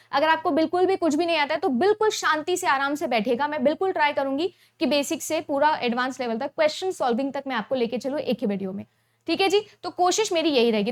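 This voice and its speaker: A young woman teaching an exam-prep lesson, explaining step by step and often checking in with her students. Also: high voice. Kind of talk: Hindi-English mixed lecture.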